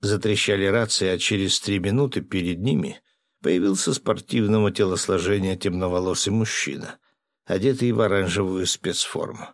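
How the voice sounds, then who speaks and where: Low-voiced man reading an audiobook. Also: moderate pace, no room sound. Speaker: audiobook narrator. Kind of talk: scripted narration.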